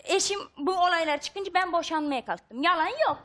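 Woman guest, insistent, raised voice, very high pitch, bright tone. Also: normal speed. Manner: insistent, pleading, raises her voice. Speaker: studio guest, victim's granddaughter. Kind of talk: heated talk show exchange. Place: television studio.

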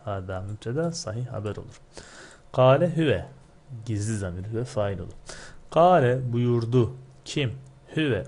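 A man teaching a textbook lesson. He reads phrases slowly, then explains them quickly. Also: fairly low pitch, darkish tone. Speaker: Arabic teacher. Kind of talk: textbook lesson, reading and translating line by line.

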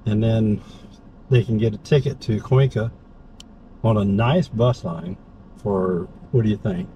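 Mellow and a little slow, this man's lowish voice has a lo-fi quality as he vlogs while driving. He talks informally, often using short tag questions. The car is moving and noisy, with road sounds underneath.

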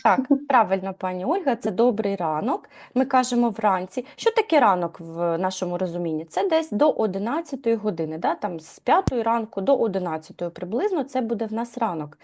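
A woman teaching Turkish in a live lesson, explaining patiently, asking her students questions and filling pauses with "e". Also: medium pitch, big pitch swings, darkish tone. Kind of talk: live online language lesson.

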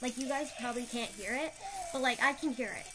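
A woman's voice: on the high side, fast. A young woman vlogger chatting casually, saying "like" a lot, with a headache. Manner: chatty, lots of "like", drops to whispers. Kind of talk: casual chat. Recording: noisy home recording.

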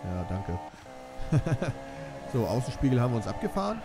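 Very animated and mid-range in pitch, a young man speaks at a moderate pace as he plays a racing game, offering joking, self-mocking let's-play commentary over game music and car sounds.

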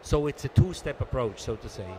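A man in his sixties from Switzerland, giving a measured, businesslike conference interview into a handheld mic, pausing often. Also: medium pitch, animated, background noise. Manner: measured, businesslike, many hesitations. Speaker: interviewee, association treasurer. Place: conference booth indoors.

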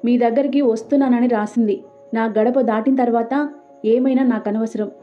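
Brief: curt, scornful middle-aged husband, read by a woman narrator, fairly high voice, tinny phone-like sound. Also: fairly even intonation, moderate pace, faint music behind, close to an everyday voice. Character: irritable proud middle-aged husband, a clerk.

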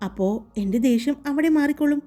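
A woman's voice: high voice, fast talker, warm tone, soft background music, natural voice. Woman voicing a hot-tempered young boss. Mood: teasing.

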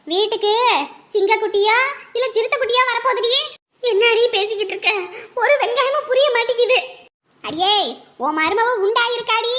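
A brash old village woman in a cartoon, mocking and bossing people around. Her voice is very high and piercing, and she calls out loudly. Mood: bossy. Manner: brash, mocking, then overjoyed. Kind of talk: cartoon voice acting.

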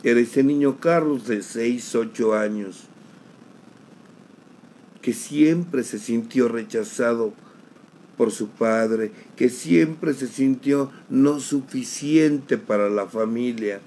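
A middle-aged man, giving an emotional personal testimony at a recovery group, slowly, repeating phrases for emphasis. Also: mid-range voice, mellow, a little hiss or hum, low-quality recording. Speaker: sharer at a recovery group meeting.

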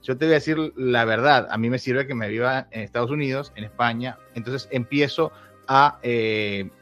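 A Uruguayan man in his thirties, guesting on a casual interview as a YouTuber, speaks at a medium pitch and normal pace, his tone a bit bright. He's candid, laughs a lot and restarts his sentences, all captured in dull lo-fi sound with faint music.

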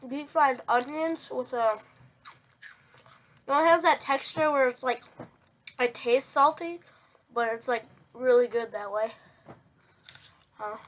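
A woman's voice: high-pitched, slight background noise. A woman vlogging a food review in a casual, rambling way, chewing while she talks. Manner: rambling, filler-heavy, unhurried. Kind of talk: casual vlog chat.

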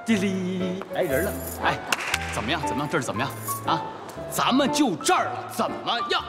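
Brief: a swaggering young groom; high, lively voice; hall reverb and music underneath. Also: male voice, fairly quick. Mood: boastful. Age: young adult. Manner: boastful, showy, exclaiming. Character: boastful young groom showing off. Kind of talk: TV drama acting.

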